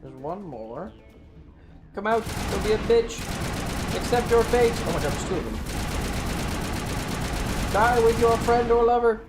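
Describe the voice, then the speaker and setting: A man with a high, animated voice livestreams a video game, joking around with casual, irreverent commentary and some swearing. He speaks at a measured pace with long pauses. Video game music plays behind him.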